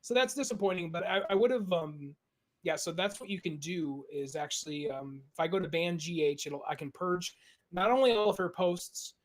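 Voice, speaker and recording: Male host, casual and explanatory, higher pitched. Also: normal speed. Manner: chatty, laughs often, explains step by step. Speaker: streamer and podcast host. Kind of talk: casual chat.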